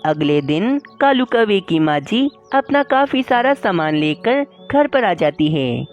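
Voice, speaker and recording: A woman narrates a cartoon story with a lively, swooping delivery. Her pitch sits mid-range, and soft music plays underneath. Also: unhurried, lo-fi sound.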